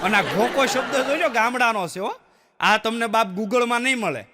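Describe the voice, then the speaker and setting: A man's voice: very high-pitched, moderate pace, a loud crowd, heavy background noise. A man telling folksy stand-up jokes to a laughing audience, acting out the people in his stories. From Gujarat, India. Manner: animated storyteller who acts out the people in his jokes. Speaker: stand-up comedian. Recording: long hall reverb.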